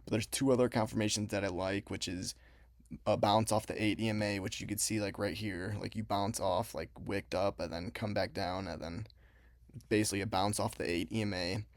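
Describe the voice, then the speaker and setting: Young male vlogger, low creaky voice, casual explainer delivery, mouth numb from dental work, close dry sound. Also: steady tone, brisk, no echo. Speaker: trading vlogger. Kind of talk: casual explanatory vlog talk.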